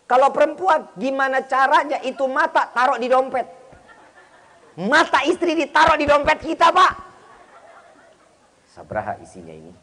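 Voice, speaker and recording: A man's voice: very high-pitched, normal speed, pushed and bright. A man preaching a humorous sermon in speech, teasing his listeners and acting out bits of dialogue. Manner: teasing, slangy, acts out quoted dialogue.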